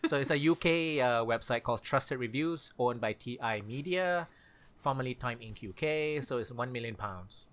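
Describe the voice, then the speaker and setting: A man of ordinary pitch chats on a gaming podcast, passing along news stories in a loose, relaxed manner. His delivery is unhurried and conversational. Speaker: podcast co-host. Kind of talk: casual chat.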